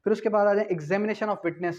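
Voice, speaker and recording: A man with a high, darkish voice and fairly even intonation lectures on law at a moderate pace in a Pakistani accent. Didactic in style, he poses questions and supplies the answers, switching between Urdu and English terms, recorded as dull lo-fi lecture audio.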